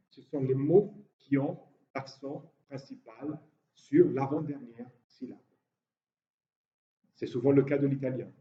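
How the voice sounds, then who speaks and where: In a lecture hall, a man with a warm, medium-pitched voice teaches a university class, working through ideas step by step and hesitating often. Slight background noise comes through on a roomy, distant, dull recording.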